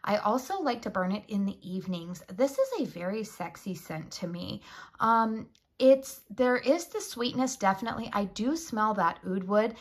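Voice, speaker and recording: A woman's voice: medium pitch, expressive, moderate pace, slightly rough. A woman with a head cold and a nasal voice, chatting casually as she reviews a scented candle, friendly and full of fillers.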